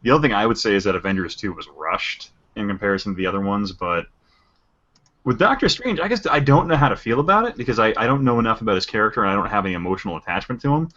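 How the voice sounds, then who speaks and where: A man's voice: fairly low pitch, expressive, fast talker, fairly bright tone. A man co-hosting a podcast, rambling through his opinions in casual chat. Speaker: podcast co-host. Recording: dull lo-fi audio.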